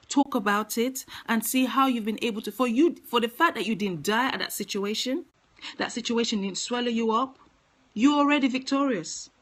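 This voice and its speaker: A woman's voice: a little high, fairly bright tone, poor audio. A woman giving an earnest motivational talk, speaking emphatically and repeating her key phrases.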